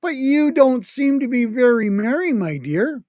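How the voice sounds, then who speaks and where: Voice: high-pitched, very animated, a little slow, a little mellow, no echo, clean studio sound, pitched above the performer's own voice. A narrator voicing a kindly, hearty old Santa Claus in a children's storybook tale. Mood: jolly.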